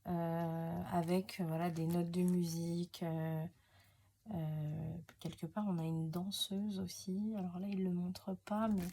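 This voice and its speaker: A woman chatting casually to camera while unboxing craft papers, hesitant, full of fillers and self-corrections, sometimes dropping to a soft near-whisper. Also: fairly low pitch, flat delivery, slow pace. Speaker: scrapbooking crafter presenting her channel.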